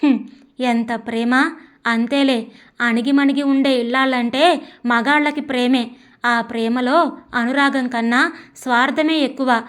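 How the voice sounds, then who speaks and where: A woman voicing an angry, proud wife who speaks in sharp, accusing lines in an audio story. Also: sits high, fairly even intonation, a little slow, long pauses. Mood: cold, steady. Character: angry proud wife confronting her husband. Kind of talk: audiobook character voice.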